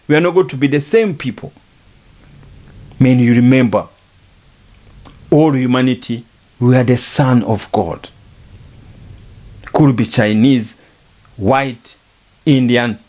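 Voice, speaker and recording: Slow, earnest man. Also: a little high, a little mellow. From Rwanda. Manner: earnest, repetitive, preaching. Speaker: podcast speaker. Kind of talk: reflective monologue on faith and culture.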